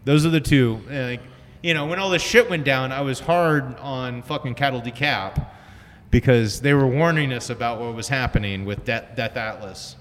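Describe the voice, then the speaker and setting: A man's voice: mid-range voice, moderate pace. A man chatting casually about music in a slangy, profane way. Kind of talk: casual chat. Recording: reverberant room with faint noise.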